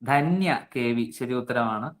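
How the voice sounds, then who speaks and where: A man teaching an online exam-prep class, reading out student names and checking their answers. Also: mid-range voice. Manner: slow, coaxing explanations.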